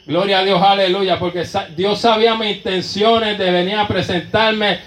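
A man's voice: high-pitched, fairly even intonation, normal speed, fairly bright tone, reverberant, poor audio. A man with a Puerto Rican Spanish accent preaching a sermon testimony in a church, fervent and constantly breaking into praise. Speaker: pastor.

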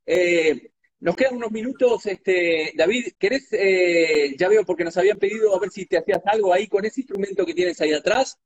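A man hosting a live online talk, relaxed and casual, reading out viewer comments with many "este" fillers. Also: high-pitched, normal speed. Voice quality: husky. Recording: dull, muffled lo-fi audio.

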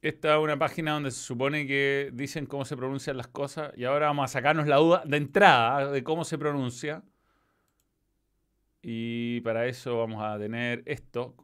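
A man's voice: medium pitch, fairly even intonation, moderate pace, fairly bright tone, clean tone. A man with a Chilean accent hosting a football stream in casual chat, loose and swearing freely as he reads out chat messages. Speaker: football show host.

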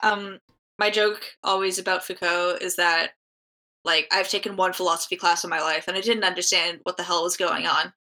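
A woman with a bright, forceful voice co-hosts a podcast in loose, casual chat. She rambles through her thoughts, stacking up "like" and restarting sentences as she jokes along. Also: lowish voice, steady tone. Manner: rambling, heavy use of "like", quick jokes. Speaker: podcast co-host.

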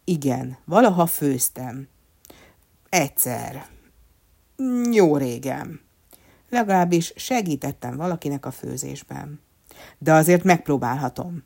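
A woman's voice: low voice, gravelly, long pauses, warm tone, slightly rough, full character voice. A woman voicing a boastful mayor's wife in a storybook reading, backpedaling and flustered.

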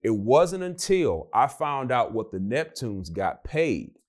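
A young man telling a story in a relaxed interview, his pitch swinging widely as he slips into the voices of the people in it. He talks loosely and animatedly, with a middle-pitched voice. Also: slow. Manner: animated, acts out quoted voices. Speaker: guest. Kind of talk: casual storytelling.

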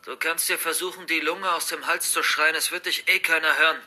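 Vengeful old dad villain done by a man, sneering and loud, sharp bright tone. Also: high-pitched, moderate pace, voice pushed up, heavily acted. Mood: menacing. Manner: menacing, mocking, bursts into shouting. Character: masked older man, vengeful grieving father, menacing.

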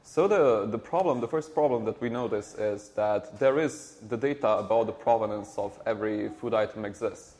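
Lowish-voiced man, halting speech. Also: darkish tone. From Slovenia. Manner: halting, many repeated words and fillers. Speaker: startup co-founder guest. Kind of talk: conversational interview.

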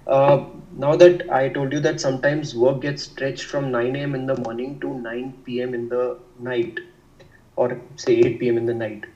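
A man's voice: mid-range voice, level tone, moderate pace, a little mellow, distant mic, highs cut off. A young man from India with a North Indian accent, talking conversationally as an interview guest in an explanatory, self-repeating way. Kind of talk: conversational discussion of work life.

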